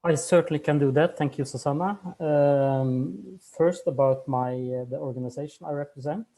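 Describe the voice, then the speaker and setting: A man's voice: on the high side, moderate pace, gravelly, mellow, rough recording. A man, a senior advisor introducing himself and his organization at an online meeting. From Norway.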